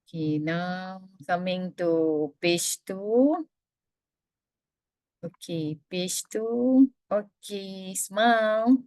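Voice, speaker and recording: A woman moderates an online webinar on a video call. She talks very slowly in short, informal, halting phrases. Her voice sits at a medium pitch and sounds dry, without room echo. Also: a little mellow. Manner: short halting phrases, often starting with okay.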